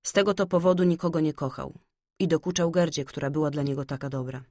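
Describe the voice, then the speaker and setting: A woman narrating a fairy-tale audiobook in a calm, measured storytelling manner. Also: deep voice, no echo, clean studio sound.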